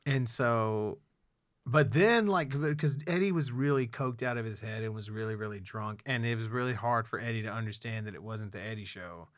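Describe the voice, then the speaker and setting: A man talks loosely on a podcast, swearing freely and piling up fillers as he tells stories. His voice sits at an ordinary pitch and sounds dry and close to the mic. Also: moderate pace, no echo. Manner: rambling, profane, many fillers, drops low when somber. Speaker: podcast host. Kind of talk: casual chat.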